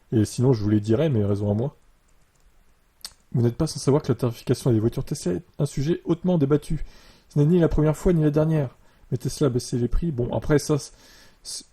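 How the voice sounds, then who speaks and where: A man's voice: mid-range voice, breathy edge. A man chatting casually on camera, reading bits of an article and reacting to them with lots of fillers, recorded on a USB desktop microphone that makes his voice sound muffled. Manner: relaxed, many fillers, reads article lines then reacts. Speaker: YouTuber commenting on electric cars. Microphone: USB desktop mic. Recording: dark muffled mic sound.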